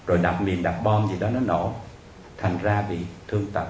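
A man's voice: low-pitched, fairly even intonation, normal speed, a little mellow, reverberant, pitched below the performer's own voice, lightly acted. A man playing a humble crippled young ex-soldier.

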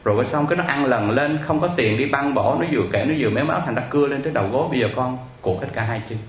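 A man's voice: medium pitch, very fast, roomy sound, lightly acted. A man voicing a poor crippled young girl begging and pleading through tears. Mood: tearful. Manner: wailing, pleading.

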